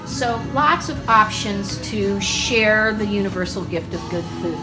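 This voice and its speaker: An older woman with a fairly high voice leads a cheerful walking tour through her farm shop, listing gifts with easy enthusiasm. She is recorded on a phone as she walks, in a roomy space with clear music in the background. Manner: upbeat, enthusiastic, listing items. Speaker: shop owner giving a tour. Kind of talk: casual walking tour narration.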